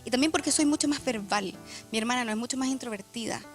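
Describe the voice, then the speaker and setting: A woman's voice: on the high side, quick pace, soft background music. A young woman, speaking reflectively and with emotion in a church testimony interview, often hesitating with fillers.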